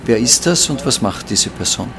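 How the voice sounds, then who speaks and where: Man, mid-pitched podcast interviewer, clear background noise. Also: lively intonation, normal speed. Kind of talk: interview questions.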